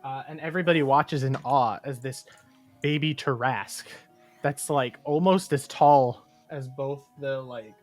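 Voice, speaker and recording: A man's voice: mid-range voice, measured pace, faint music behind. A man narrating as game master of a tabletop game, loose and rambling, often laughing.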